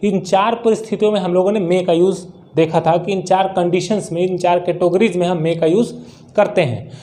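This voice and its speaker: A man's voice: sits high, fairly even intonation, normal speed, mellow. A man teaching a spoken English lesson, repeating each word in drills and answering his own questions.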